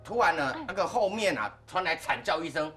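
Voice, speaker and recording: A man's voice: on the high side, brisk, music in the background. A man with a Taiwanese Mandarin accent, hosting a podcast and telling ghost stories to a panel in a casual, dramatic way. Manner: animated, dramatic storyteller. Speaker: podcast host.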